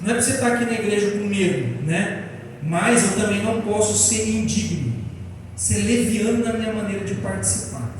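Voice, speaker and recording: A man with a Brazilian Portuguese accent preaching a sermon as pastor, telling stories in an animated way with acted-out quotes. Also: high-pitched, fairly quick, a little hiss or hum. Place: large church hall. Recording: echoey church hall, voice from far off.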